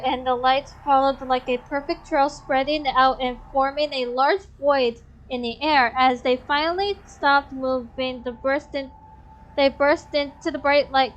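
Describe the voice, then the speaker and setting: Young female streamer, high voice, expressive narration, blunt asides. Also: muffled recording. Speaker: game streamer. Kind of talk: reading a visual novel aloud.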